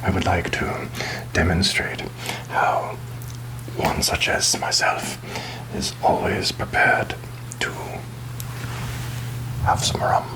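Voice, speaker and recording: Pirate captain, played by a man: whispered ASMR, slow and deliberate, roguish, rum-loving, theatrically wary. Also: low-pitched, level tone, low-quality recording. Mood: sly, instructive. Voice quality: breathy whisper. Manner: halting, deliberate, mock-grand phrasing. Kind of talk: whispered ASMR roleplay, addressing the listener.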